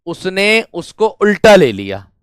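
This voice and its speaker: A man's voice: sits high, sing-song, slow, fairly bright tone, clean tone, dry recording, clean studio sound. A man teaching a grammar lesson to students, repeating each phrase again and again and calling them his friends and brave ones. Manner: repetitive, drills each phrase over and over. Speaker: Hindi teacher.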